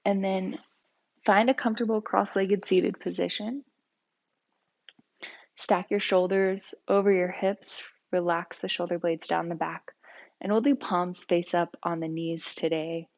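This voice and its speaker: Woman yoga instructor, calm and soft-spoken, low voice with vocal fry, dull lo-fi recording. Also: unhurried. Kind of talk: guided yoga and breathing class.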